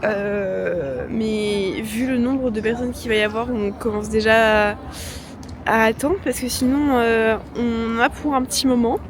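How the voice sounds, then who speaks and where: A young woman travel vlogger chats casually to the camera in a noisy airport, her voice on the high side, steady and unhurried. Tired from the trip, she jokes around in slangy talk packed with fillers, and the recording carries noisy ambience from the public areas behind her.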